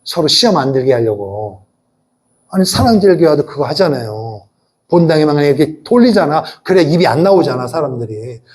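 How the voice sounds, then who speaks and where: A middle-aged male pastor preaching a sermon, animated, asking the congregation questions and leading them in repeating phrases. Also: on the high side, a little fast. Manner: animated preaching with rhetorical questions and call-and-response.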